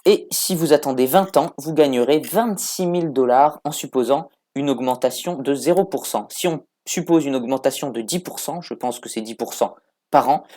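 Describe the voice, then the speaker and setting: Man, casual screen-recorded tutorial, chatty, step-by-step, mid pitch. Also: moderate pace, mellow. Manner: chatty, talks the viewer through each step. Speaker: crypto tutorial host.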